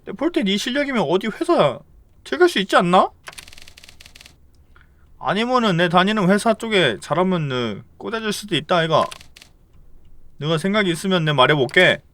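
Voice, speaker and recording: A man's voice: sits high, very animated, normal speed, pauses often, fairly bright tone, voice pushed up. A man voicing a caring male friend who nags and lectures in a Gyeongsang Korean accent. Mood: concerned. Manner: fussing, lecturing.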